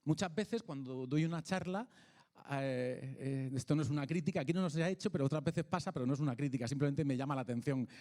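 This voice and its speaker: A philosopher of science and author, a man with a Peninsular Spanish accent, gives an informal public lecture in a fairly high, warm voice. His delivery is conversational and halting, and he often checks in with short tag questions.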